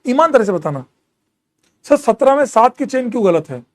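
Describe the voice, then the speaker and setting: A man whose pitch sits well above most men's teaches a live online chemistry class at normal speed, very animated, counting atom numbers aloud and mixing English terms into his talk. He reads student questions and answers them, teasing and jokingly scolding the class.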